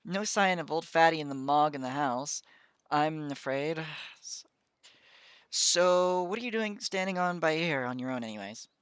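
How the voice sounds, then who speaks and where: A player voicing a brash, cheeky fairy lord, loud and slangy. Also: medium pitch, animated, moderate pace, clear, resonant tone, dry recording, voice pushed up, close to an everyday voice.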